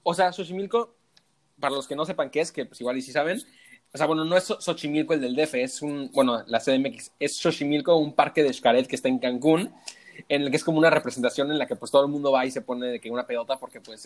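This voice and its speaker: A young man with a Mexican Spanish accent tells party stories on a podcast. His pitch sits in the middle range for a man, and he keeps breaking into laughter between phrases. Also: quick pace. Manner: laughs often while telling stories. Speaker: podcast host. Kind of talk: casual chat.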